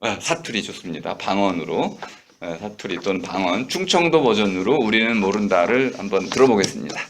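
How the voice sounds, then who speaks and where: A middle-aged male lecturer in a classroom, coaching students through a reading with quick prompts. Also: on the low side, lively intonation, noisy background. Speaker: university lecturer. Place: lecture room.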